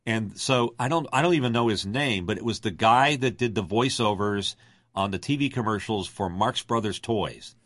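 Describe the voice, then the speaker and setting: Middle-aged male radio announcer, low projected voice, casual storyteller. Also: normal speed, a bit bright, no echo, studio quality.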